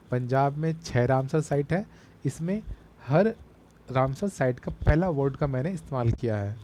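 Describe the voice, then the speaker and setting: A man's voice: mid-range voice, dark tone. A man with a Bihari Hindi accent, teaching exam memory tricks and repeating key words as he explains. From Bihar, India.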